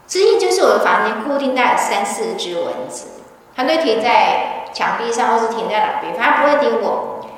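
A woman's voice: fairly high pitch, expressive, moderate pace. Woman, middle-aged, chatty storytelling, acts out dialogue, distant, very reverberant hall. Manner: chatty, acts out quoted dialogue, tags sentences with "ha". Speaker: member sharing a testimony at a religious gathering. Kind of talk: casual storytelling. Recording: echoey hall from far off.

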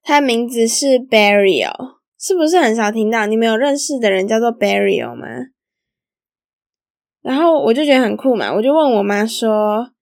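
A woman's voice: fairly high pitch, animated, normal speed, no room sound, studio quality. A young woman hosting a solo podcast, telling stories in a chatty, giggly way with lots of casual fillers. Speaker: podcast host.

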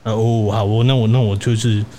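A man's voice: lowish voice, flat delivery, fairly quick, mellow, a little hiss or hum. A young man hosting a podcast, telling college stories in a rambling, restarting way. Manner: rambling, many restarts and tag questions, laughs often. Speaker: podcast host. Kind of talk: casual storytelling chat.

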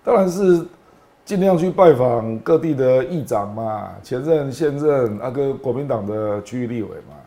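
A man's voice: medium pitch, expressive, moderate pace, warm tone. A man with a Taiwanese accent giving casual political commentary as a guest, colloquial and emphatic, with particles closing his phrases.

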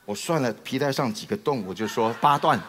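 In a reverberant hall with a noisy background, a middle-aged man from Taiwan shares a funny personal testimony as a guest speaker. He speaks with a Taiwanese Mandarin accent in a medium-pitched voice at a fairly quick pace, animatedly acting out the dialogue with comic timing.

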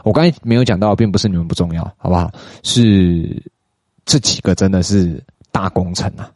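A young man with a Taiwanese Mandarin accent hosting a podcast, chatting casually and getting animated as he retells a story, with slangy asides. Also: deep voice, brisk, no echo, studio quality. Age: young adult. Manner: chatty, animated when retelling, mixes in English words and Taiwanese swearing. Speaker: podcast host.

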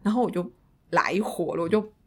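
A woman's voice: fairly low pitch, fairly quick, breathy edge. A woman from Taiwan, a guest arts administrator telling a story animatedly and acting out the people in it. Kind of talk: casual podcast storytelling.

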